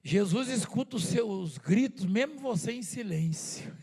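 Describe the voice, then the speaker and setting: A man's voice: high-pitched, lively intonation, a little slow, dark tone, husky. A man with a Brazilian Portuguese accent preaching a sermon in a conversational way, with rhetorical questions and repeated words.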